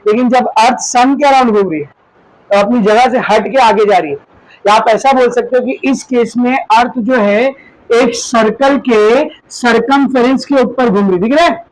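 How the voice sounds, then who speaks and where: Speaking at an extremely high pitch and normal speed, this Indian-accented male physics teacher demonstrates with objects during a class lecture. He asks questions he then answers himself and addresses students as "beta." The recording is rough, with no room sound.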